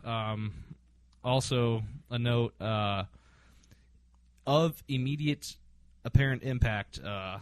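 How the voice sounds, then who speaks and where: A man's voice: medium pitch, slow pace, dry recording. A man hosting a casual sports podcast, recapping games with frequent ums and hesitations. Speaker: podcast host.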